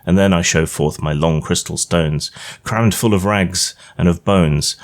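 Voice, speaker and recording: A man's voice: deep voice, unhurried. A man reciting verse as a brazen, boastful medieval swindling preacher, in a declaiming manner. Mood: boastful, sly.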